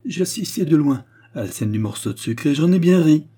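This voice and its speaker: A man's voice: fairly high pitch, expressive, dark tone, husky, voice pushed up. A male audiobook reader voicing a spirited, teasing young woman who mocks and protests. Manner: mocking, quick to protest. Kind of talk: audiobook character reading.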